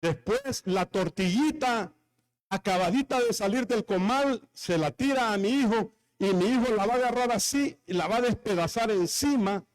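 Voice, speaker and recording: Honduran pastor preaching, fairly high voice, jokey and chatty with the church. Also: male voice, moderate pace. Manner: jokey, storytelling, talks with the congregation. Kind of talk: sermon.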